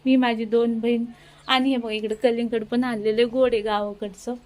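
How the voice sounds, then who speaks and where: A woman's voice: a little high, level tone, normal speed, a little mellow. A woman vlogging casually on a phone outdoors at a village home, chatty and constantly pointing things out to her viewers. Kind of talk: casual vlog narration. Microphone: phone camera.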